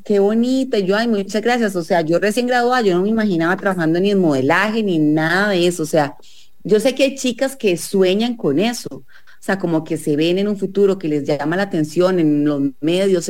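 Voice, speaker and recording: In a radio studio, a Colombian woman from Medellín, around thirty-something, chats casually with the host and tells stories. Her voice sits mid-range with a slightly dark tone, and her talk is peppered with fillers, especially "o sea."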